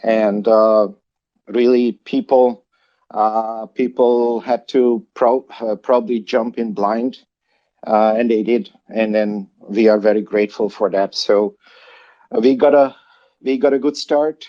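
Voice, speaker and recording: A man's voice: on the low side, fairly even intonation, dull audio. A man from Hungary who founded a project, talking casually on a livestream with lots of fillers and restarts. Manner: halting, many fillers and restarts.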